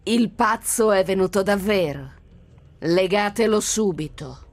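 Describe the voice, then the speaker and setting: La Strega Bianca, beffarda e lenta. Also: female voice, mid-range voice, animated, measured pace, faint music behind. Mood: commanding. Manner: mocking, venomous, triumphant. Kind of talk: radio drama reading.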